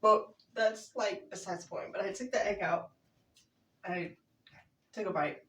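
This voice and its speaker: A woman's voice: mid-range voice, a little slow, fairly bright tone. A woman telling a funny story as a vlogger, giggling often and rambling with lots of fillers. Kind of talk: casual storytime. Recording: roomy echo, mic at a distance.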